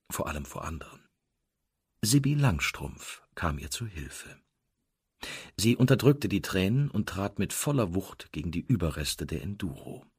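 A man narrating a novel in an expressive storytelling manner. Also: low voice, slightly rough, no echo, clean studio sound. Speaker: audiobook narrator. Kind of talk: scripted narration.

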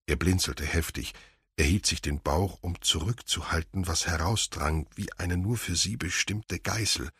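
A man reading an audiobook in a measured, even scripted narration. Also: low-pitched, breathy edge, no echo, clean studio sound.

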